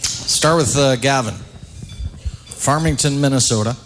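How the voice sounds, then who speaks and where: A man's voice: medium pitch, measured pace. Guy hosting a radio show at a dinner, laid back, lots of uhs, bit of hall hum. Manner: relaxed, chatty questions with many fillers. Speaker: radio play-by-play host. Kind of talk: live radio interview at an event. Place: large arena banquet hall.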